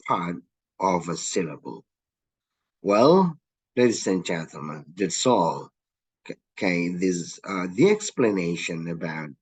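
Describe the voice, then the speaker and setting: A male lecturer with an Indonesian accent walks through examples at an unhurried pace, filling pauses with a habitual "okay." His lowish voice is a little husky, and it jumps up lively whenever he stresses a sound. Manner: repeats "okay" often, lively rising emphasis on example sounds. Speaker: linguistics lecturer. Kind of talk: recorded lecture explaining slides.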